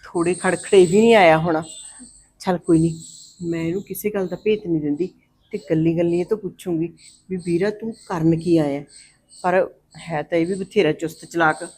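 A woman's voice: on the low side, steady tone, moderate pace, a little mellow, natural voice. A middle-aged woman with a Punjabi accent, playing a mother who reassures her daughter in a web series drama. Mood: resolute. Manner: protective, reassuring.

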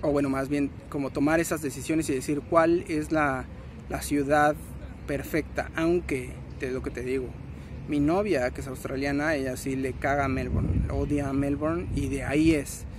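A man's voice: on the high side, steady tone, moderate pace. Slangy Mexican man vlogging outdoors. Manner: slangy, rambling, self-correcting. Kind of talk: casual selfie vlog. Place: city park outdoors. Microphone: phone at arm's length. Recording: outdoor noise, passing traffic.

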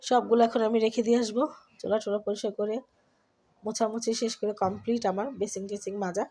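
A middle-aged Bangladeshi woman talks chattily to her viewers as she works in her home kitchen. She has a cold, so her voice stays soft and easy. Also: mid-range voice, level tone, fast, breathy edge. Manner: chatty, talks to viewers while doing chores. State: has a cold, speaks softly. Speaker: vlogger. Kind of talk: casual cooking and home vlog narration.

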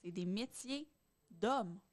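A young adult woman with a Quebec French accent, a panelist in a small podcast studio, speaks emphatically and with strong opinions in a casual group discussion. Her medium-pitched voice is expressive, slow and a little mellow, captured on a close studio mic on a boom arm.

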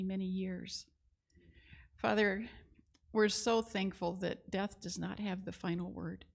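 An older woman leads the congregation in prayer, her words earnest and unhurried. Her voice carries a slight gravelly texture at a mid pitch. She speaks into a handheld microphone in a large church hall. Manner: earnest, measured praying. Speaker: prayer leader at church service.

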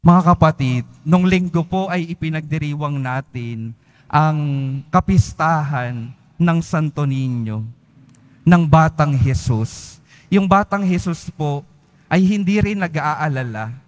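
A male priest delivers an earnest sermon, circling back over his phrases and letting each one sink at its close. His voice sits a little high for a man. The sound carries a long, hanging reverb from a large church. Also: slow pace. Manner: earnest preaching, repeats phrases, voice falls at each phrase end.

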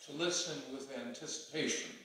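An older man leading a church service, speaking haltingly with many fillers and restarts at a lectern mic. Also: fairly high pitch, a crowd in the background. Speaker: worship leader. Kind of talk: church service announcements and liturgy. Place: church sanctuary, indoors. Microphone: stand mic at lectern, far camera. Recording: echoey church from far off.

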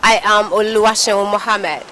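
A woman's voice: mid-range voice, fairly even intonation, normal speed, bright, forceful tone. A young woman reporter presenting a scripted introduction on a roadside outdoors. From Nigeria. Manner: crisp, presenter delivery. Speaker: reporter host. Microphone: handheld mic.

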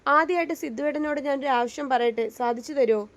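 A woman voicing a hurt young wife who pleads softly, reading a story aloud. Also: high-pitched, quick pace, natural voice. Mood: pleading.

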